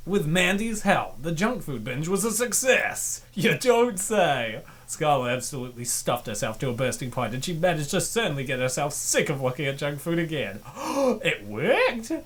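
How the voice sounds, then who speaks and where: A man with a lively, slightly high voice that swings widely narrates a comic dub. As a casual co-host, he interjects with sarcastic, exclamatory reactions.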